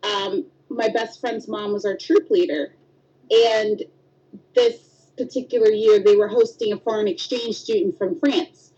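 A woman's voice: mid-range voice, steady tone, a little slow, warm tone, breathy edge. A woman in her thirties co-hosting a podcast, chatting casually and telling stories with acted-out quotes. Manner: chatty storyteller, acts out quotes with squeals. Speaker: podcast co-host. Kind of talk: casual chat. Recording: dull lo-fi podcast audio.

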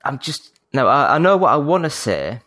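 A man with a Yorkshire accent hosting a casual gaming podcast, talking in a polite, measured way he picked up from years on the phone. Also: mid-range voice, sing-song, sharp tone, no echo. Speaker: podcast host.

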